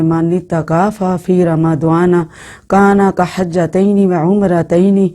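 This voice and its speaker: A female religious teacher gives informal Islamic instruction to women in an instructive tone, her phrasing halting and her words often repeated. Her voice is lowish and mellow.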